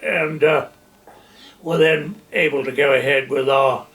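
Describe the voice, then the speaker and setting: Gravelly old man, slow and halting. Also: fairly high pitch, steady tone, a bit bright, far from the mic. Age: older. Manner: halting, with many pauses and fillers. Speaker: retired general interviewee. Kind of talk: wartime reminiscence.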